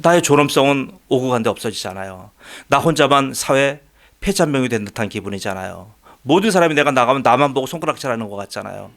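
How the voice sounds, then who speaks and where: A man's voice: mid-range voice, animated, quick pace, a bit bright. A man, the pastor, preaching a sermon in a church, emphatic, with rising peaks and frequent short affirming asides. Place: church sanctuary.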